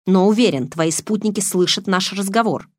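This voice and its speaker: A woman reading the lines of a smooth, menacing man on the phone, calm and mocking. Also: mid-range voice, moderate pace, no echo, studio quality, close to an everyday voice.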